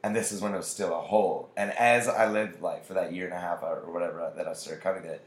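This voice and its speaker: New dude, kinda low voice, rambling slangy casual chat, echoey room. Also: male voice, fairly even intonation, fast talker. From Queens, New York City. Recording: echoey, roomy sound.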